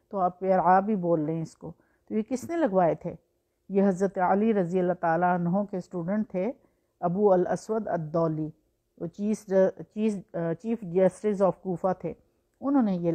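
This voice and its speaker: A woman's voice: mid-range voice, muffled recording. A woman teaching Quran recitation in a patient, explanatory way, using examples and rhetorical questions. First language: Urdu. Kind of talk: explanatory religious lesson.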